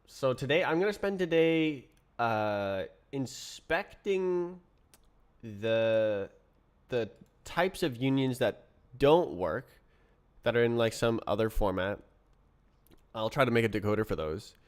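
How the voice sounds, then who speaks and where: Streaming himself writing code, a programmer thinks aloud, mumbling half-formed ideas under his breath. His medium-pitched voice is animated yet slow, clear and resonant, with a sick-sounding quality.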